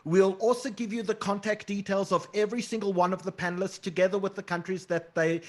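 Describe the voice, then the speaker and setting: A man hosting a panel webinar, briskly putting audience questions to the panelists over a video call. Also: high voice, flat delivery. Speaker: webinar host. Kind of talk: moderating a panel Q&A.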